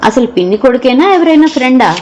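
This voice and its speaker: A woman's voice: fairly high pitch, normal speed, darkish tone, a little hiss or hum, close to an everyday voice. A woman voicing a suspicious, jealous young husband in an audio novel, with harsh, accusing delivery. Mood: angry, suspicious.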